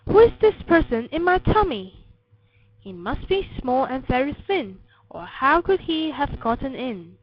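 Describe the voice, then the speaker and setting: A small greedy boy begs his mother to believe him, insistent and excitable, as a woman reads him. The voice is pitched high and bright with urgency. The recording sounds a bit muffled. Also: unhurried, breathy edge, dry recording, exaggerated voice. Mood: puzzled. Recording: slightly dull lo-fi recording.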